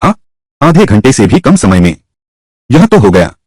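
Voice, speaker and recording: Husky man dubbing a lively drama. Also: mid-range voice, unhurried, no echo, studio quality. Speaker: dubbing narrator voicing all roles. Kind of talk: Hindi dub of a historical drama.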